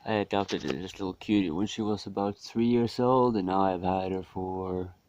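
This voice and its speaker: A hungover man who is a native Norwegian speaker, rambling casually in a halting, musing, self-deprecating way for a vlog. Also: low voice, darkish tone, highs cut off. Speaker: vlogger.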